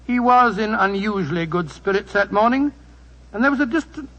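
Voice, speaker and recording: An actor playing a genial, rambling older English doctor who recalls adventures in 1940s radio style. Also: male voice, high-pitched, lively intonation, normal speed, a bit bright. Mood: reminiscing. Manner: avuncular, hearty, rambling storyteller. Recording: muffled 1940s radio broadcast recording.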